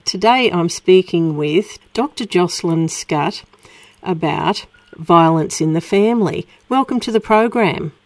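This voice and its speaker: A woman's voice: lowish voice, lively intonation, a little slow, dry recording. A woman presenting a prepared interview as a radio host.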